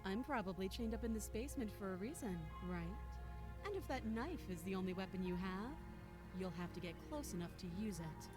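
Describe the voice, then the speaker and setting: A woman's voice: mid-range voice, animated, brisk, music in the background, close to an everyday voice. A woman playing a chained princess in a video game, coldly commanding, mocking and menacing. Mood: calm challenge.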